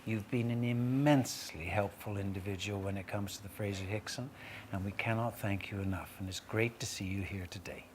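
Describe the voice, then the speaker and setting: A man's voice: fairly low pitch, steady tone, brisk. A man hosting a live children's event, explaining things in formal, wordy, articulate phrases. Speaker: event host. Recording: noisy live room.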